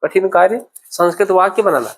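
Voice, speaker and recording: A man teaching Sanskrit grammar in a classroom, patiently repeating words and checking that students follow. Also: sits high. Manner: patient, repeats words slowly, asks "okay?" often. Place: classroom at a temple centre.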